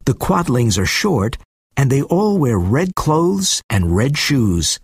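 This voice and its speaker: Clear, deliberate storybook narrator, woman. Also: very deep voice, sing-song, darkish tone, no echo, studio quality. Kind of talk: slow graded storybook reading.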